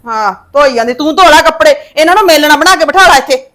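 A woman's voice: high-pitched, fast talker, sharp tone. A woman playing a taunting, meddling mother. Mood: scolding. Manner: scolding, taunting. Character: sharp-tongued meddling mother-in-law figure, woman. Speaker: visiting mother of the daughter-in-law. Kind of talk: family drama acting.

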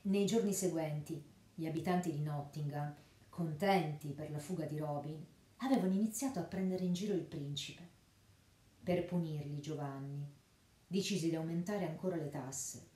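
A woman narrates a fairy tale with expressive, lively storytelling. Her voice sits a little low and sounds mellow and warm. A roomy echo surrounds the reading. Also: moderate pace.

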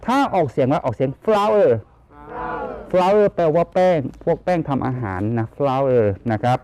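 A man's voice: on the high side, sing-song, unhurried, darkish tone. A man with a Thai accent teaching a bilingual classroom lesson, drawing out words and coaxing students to repeat them. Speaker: teacher running a cooking class. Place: school classroom.

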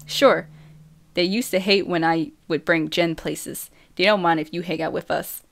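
A woman's voice: lowish voice, steady tone, measured pace, creaky. A woman voicing an easygoing, teasing teenage boy in an audiobook reading, with a laid-back, plain delivery.

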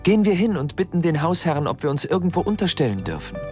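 A man voicing a poor young boy in a spooky fairy tale, speaking in a high, urgent boyish voice. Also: brisk, close to an everyday voice. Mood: excited. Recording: music playing clearly behind.

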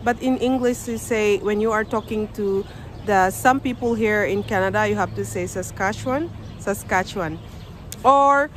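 Her voice on the high side, a Filipino vlogger in her thirties talks informally to her phone camera, held at arm's length, outside on a snowy suburban driveway. Speaking with a Filipino accent, she explains things chattily and with loose grammar, and there's a bit of hiss or hum.

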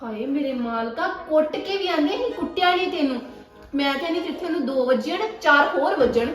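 A woman's voice: high voice, a little fast, distant mic. A woman with a Punjabi accent acting a defiant daughter-in-law, talking back bitterly. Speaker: daughter-in-law in a family drama. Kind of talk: Punjabi web-series acting. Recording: echoey, off-mic, faint music.

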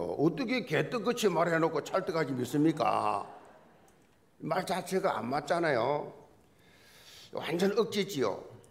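A male pastor with a gravelly, fairly high voice that rises and falls a great deal preaches like a folksy storyteller. He jokes with the congregation and often repeats key words to drive points home.

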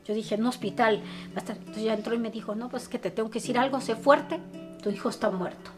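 A woman's voice: a little high, fast talker. A middle-aged woman with a Mexican Spanish accent, grieving, telling a painful story with anguish and voicing the words of others. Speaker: interviewee, bereaved mother. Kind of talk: emotional personal testimony. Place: her family home. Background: soft guitar music.

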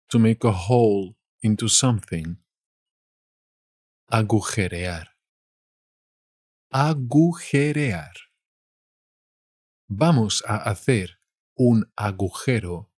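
A man from Spain with a Spanish accent, teaching vocabulary in a slow lesson and saying each word twice. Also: on the low side, a little mellow, dry recording, clean studio sound.

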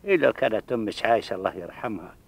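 An actor in his sixties playing a kindly old father in a television drama, with a Bedouin Arabic accent and a paternal, measured manner. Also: on the low side, lively intonation, gravelly, breathy edge, exaggerated voice. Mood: gentle, solemn. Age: 60s.

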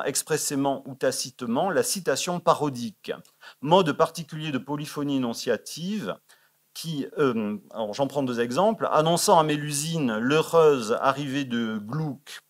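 A man presenting a scholarly paper at a conference in a library auditorium. He sprinkles his delivery with fillers like "hein" and "euh" and reads verse quotations with raised emphasis. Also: on the high side. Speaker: conference speaker. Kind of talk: academic conference talk.

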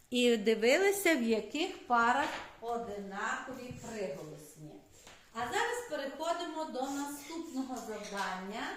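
A woman's voice: on the high side, a bit bright. A woman primary school teacher giving a classroom lesson, patiently checking that the children follow. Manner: patient, checks understanding with "right?". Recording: echoey classroom from far off, faint noise.

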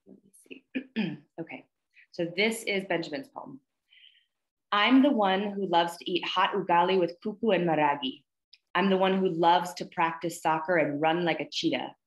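A woman in her thirties hosts a student poetry reading on a video call from a plain indoor room, offering encouragement and praise. Her voice is on the low side, the sound is roomy, and the audio is poor.

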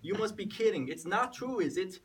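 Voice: medium pitch, lively intonation, normal speed, natural voice. A performer voicing an earnest man in love with his girlfriend, read live in a staged script reading and recorded on a phone from far back in a noisy hall. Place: cinema hall with audience. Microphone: phone in audience.

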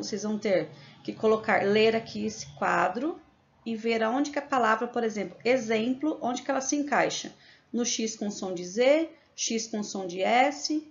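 A Brazilian woman teaching a remote lesson to young children, reading word lists slowly and clearly, then explaining tasks briskly. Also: fairly high pitch, dull audio. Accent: Brazilian Portuguese.

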